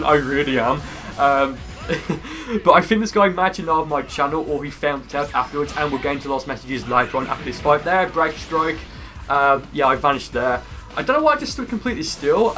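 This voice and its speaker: A gaming video creator with a rather high, slightly bright voice gives casual, rambling gameplay commentary in a conversational way, with music playing behind him.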